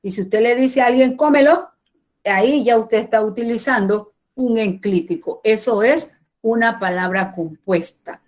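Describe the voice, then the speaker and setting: A woman's voice: a little high, moderate pace. A woman teacher explaining Spanish grammar rules in a class, going step by step and repeating the key points.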